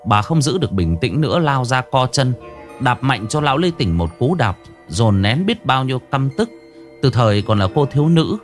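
A man narrating a ghost story as a storyteller, telling it in a dramatic, expressive way. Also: medium pitch.

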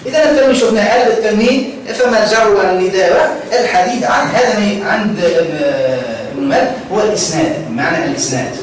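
A man's voice: sits high, animated, quick pace, few pauses, recorded from a distance, crowd noise. A man with a Tunisian Arabic accent teaching a grammar lesson, quizzing students and repeating key words. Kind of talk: classroom lecture. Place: classroom. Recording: echoey classroom, voice from afar.

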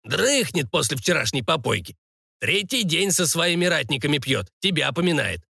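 A man reading an audiobook voices a grumpy, cynical old wizard with a gruff, indifferent mutter, pitched a little above his own voice. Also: sing-song, normal speed, bright, forceful tone, no echo, studio quality, exaggerated voice. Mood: gruff, grumbling.

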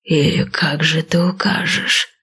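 A woman's voice: low-pitched, steady tone, slow, a bit bright, husky, exaggerated voice. A woman voicing an old male snake chief, stern, speaking in a hissing whisper.

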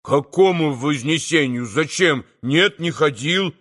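A man's voice: on the high side, lively intonation, slow, fairly bright tone, heavily acted. A man reading an audiobook, voicing an agitated, dim-witted young male shop clerk who keeps repeating himself. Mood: confused.

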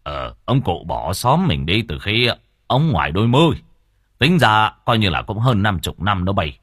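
A man's voice: lowish voice, big pitch swings, moderate pace, fairly bright tone, breathy edge, dry recording, studio quality, heavily acted. A man voicing an older village man, rambling in a folksy way. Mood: reminiscing.

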